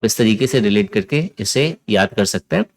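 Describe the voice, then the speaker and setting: A man's voice: on the low side, expressive, moderate pace. Chatty Indian man teaching vocabulary. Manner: casual, chatty explaining with frequent "theek hai?" checks. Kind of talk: vocabulary lesson with memory tricks.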